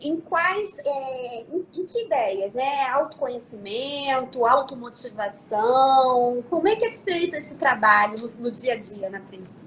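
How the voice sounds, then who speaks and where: A woman hosting a live interview, asking questions with hesitant pauses as she searches for words. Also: sits high, animated, a bit bright, slight background noise, rough recording. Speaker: host.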